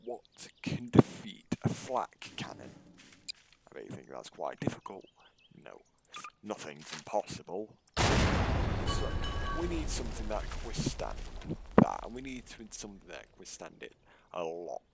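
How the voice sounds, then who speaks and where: A man's voice: low-pitched, wildly swooping pitch, normal speed, gravelly, noisy background. A man giving casual, sarcastic, mock-boastful commentary over his own gameplay. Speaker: gaming YouTuber.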